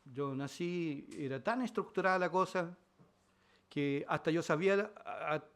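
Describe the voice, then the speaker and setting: Bright-voiced emphatic Chilean preacher man. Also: fairly high pitch, measured pace. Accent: Chilean Spanish. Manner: emphatic preaching, swings between loud declarations and quiet asides. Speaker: pastor. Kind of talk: sermon.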